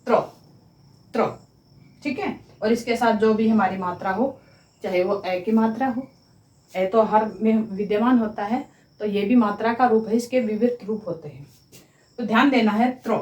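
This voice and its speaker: A woman teaching grammar in a slow, deliberate way. She repeats each sound for pronunciation and checks with her students that they follow. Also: a little high, a little mellow, echoey room, rough recording. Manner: addresses viewers as students, checking understanding. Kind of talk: classroom-style explanation at a board.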